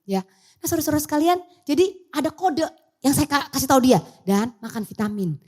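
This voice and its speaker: Middle-aged woman preacher with an Indonesian accent, lively and loud, fairly high voice. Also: fast talker. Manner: animated, acts out family dialogue, laughs often; loud, high-pitched when speaking emphatically. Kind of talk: sermon. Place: church.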